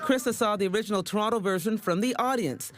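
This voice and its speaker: A woman's voice: mid-range voice, fast talker, faint music behind. A woman reporter narrating an entertainment news segment in an upbeat, playful way.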